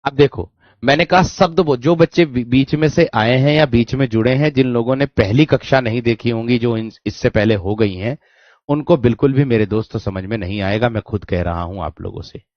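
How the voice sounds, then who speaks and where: A man teaching a Hindi grammar class online, repeating key phrases, slowing down to dictate and often checking whether students understood. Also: mid-range voice, no echo. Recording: dry, dull lo-fi sound.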